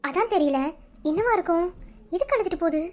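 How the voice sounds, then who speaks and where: A squeaky, quick-talking cheeky college girl, voiced by a woman in a cartoon, the flippant best friend. She makes light of everything in a brisk patter. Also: expressive, a little mellow. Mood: joking. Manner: flippant and joking. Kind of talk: Tamil cartoon voice acting.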